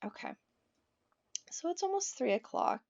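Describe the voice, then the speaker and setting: A let's play gamer narrates a life-sim game in a very high, creaky, slightly mellow voice with big pitch swings and a measured pace. She rambles casually with frequent asides to viewers, and the lo-fi recording sounds dull.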